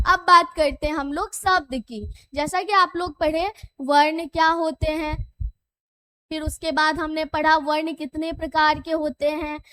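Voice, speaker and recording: A woman's voice: high voice, pushed and bright, no echo. A woman teaching grammar to young children, asking questions and answering them herself, with English words mixed into her Hindi and a Bihari Hindi accent. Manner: asks questions and answers them herself, calls listeners "beta" and "bachcha". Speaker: primary school Hindi teacher. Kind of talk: classroom lesson.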